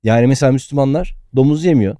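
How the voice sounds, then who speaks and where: A man co-hosting a podcast, telling playful bits in an animated, casual way. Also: medium pitch, very fast, dry recording, clean studio sound. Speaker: podcast co-host. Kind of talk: casual comedic chat.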